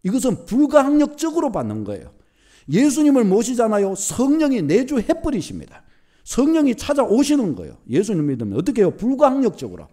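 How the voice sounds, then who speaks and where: High-voiced, animated Gyeongsang pastor preaching. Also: male voice, a little fast. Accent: Gyeongsang Korean. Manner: animated, repetitive emphatic preaching with homely examples. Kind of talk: sermon.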